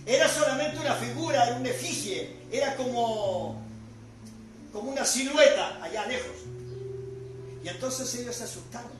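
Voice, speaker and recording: An older man preaching a sermon as pastor, swinging between loud bursts and quiet drops. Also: very high voice, normal speed. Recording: echoey hall from far off with music.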